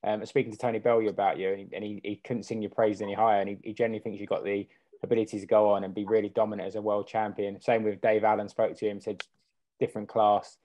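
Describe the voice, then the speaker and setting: A man hosts a casual sports interview at a brisk pace. His voice is a little low, and he chats his way through long, rambling questions. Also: little pitch movement, mellow, rough recording.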